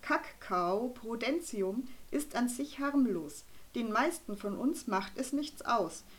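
A woman voicing a stern, pompous male doctor who lectures gruffly in an audiobook reading. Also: on the high side, animated, takes it slowly. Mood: lecturing. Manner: gruff, lecturing, then conspiratorial.

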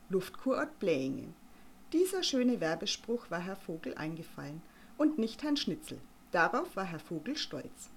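A woman reading a children's story aloud, expressive and playful. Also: mid-range voice, slight background noise. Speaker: narrator.

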